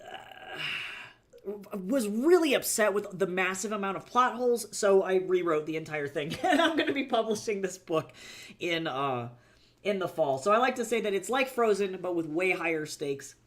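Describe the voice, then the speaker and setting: An indie fantasy author chatting casually on a live stream, rambling with lots of fillers and quick laughs. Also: medium pitch, lively intonation.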